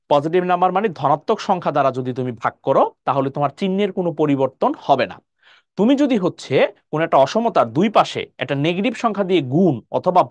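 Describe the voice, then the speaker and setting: A man's voice: high-pitched, no echo. A man teaching a live online math lesson in Bangladeshi Bengali, explaining step by step and often checking whether students follow. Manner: explains step by step, keeps asking "clear?".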